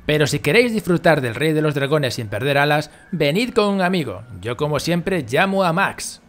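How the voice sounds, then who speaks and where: Bright-voiced man guiding a game. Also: fairly high pitch, normal speed. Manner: relaxed, guiding the viewer step by step with jokes. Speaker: game video creator. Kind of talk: game walkthrough narration.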